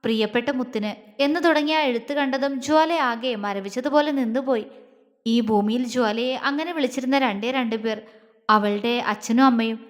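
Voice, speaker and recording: A woman storyteller reading a serialized love story with steady, measured narration. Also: a little high. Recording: long reverb.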